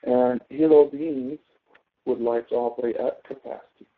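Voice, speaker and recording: This male professor, teaching online, explains things one step at a time in a casual tutoring walkthrough and keeps asking "okay?" along the way. His pitch is medium, his intonation fairly even and his pace moderate, all carried on thin, phone-quality sound.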